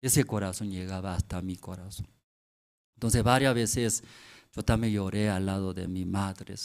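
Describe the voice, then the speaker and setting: A male pastor preaching a sermon in Spanish. He tells stories with feeling, drops to soft tones, then rises to loud, emphatic bursts, and keeps asking his listeners short tag questions. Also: low voice, fairly even intonation, unhurried, vocal fry, clear, resonant tone.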